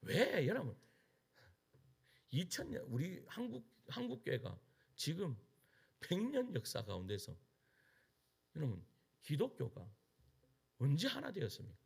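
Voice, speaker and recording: A man's voice: on the high side, huge pitch swings, measured pace, vocal fry, pauses often, slightly rough. A middle-aged man, a pastor preaching a sermon, pressing the congregation with rhetorical questions and answering them himself. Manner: emphatic preaching with rhetorical questions and call-and-response.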